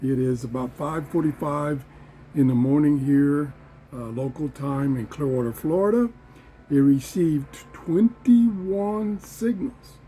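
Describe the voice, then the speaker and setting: A man hosts a casual hands-on demonstration in a room at home. He talks slowly and haltingly, thinking aloud in a slightly high voice, with light radio hiss and noise around him. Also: mellow. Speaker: host of a radio review channel. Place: small indoor garden room at home. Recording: clear background noise, radio static.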